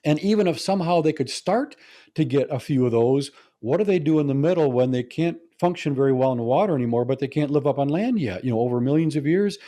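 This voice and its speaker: A man's voice: on the high side, lively intonation, fast talker, warm tone. A man giving a lecture to an audience, explaining his points in a conversational, humorous way. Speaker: speaker.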